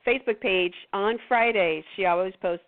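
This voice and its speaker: A woman's voice: medium pitch, moderate pace. A woman hosting a radio interview, friendly and encouraging, with short replies while her guest talks. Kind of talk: casual interview. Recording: tinny phone-line sound.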